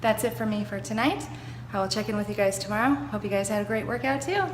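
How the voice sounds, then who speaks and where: A woman's voice: medium pitch, fairly even intonation, fast talker. A woman giving a casual fitness vlog, talking straight to her viewers in an emphatic, step-by-step way. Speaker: fitness vlogger. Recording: noisy, constant vehicle-like background hum.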